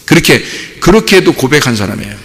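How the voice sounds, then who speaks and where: A male pastor preaching a sermon, telling his story with lively delivery and acting out prayers and the answers he received. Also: mid-range voice, quick pace. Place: church sanctuary. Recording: long hall reverb.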